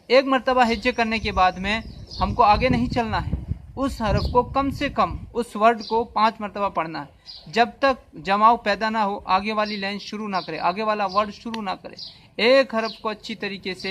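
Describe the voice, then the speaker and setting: High-voiced man teaching slow reading drills. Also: bright, forceful tone, a little hiss or hum. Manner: patient, repeats each word slowly several times. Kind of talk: spelling-and-reading lesson.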